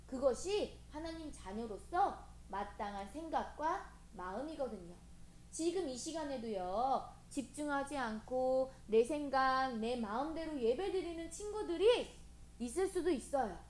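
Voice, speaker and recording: A woman preaching to children, animated and gently coaxing, often asking them questions. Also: high voice, unhurried. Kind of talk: children's sermon. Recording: echoey room with faint hiss.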